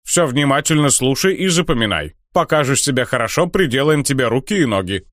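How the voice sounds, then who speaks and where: A man voicing a cunning male fox who leads bandits, calm and commanding. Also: mid-range voice, a little fast, no room sound, studio quality, close to an everyday voice. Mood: scheming.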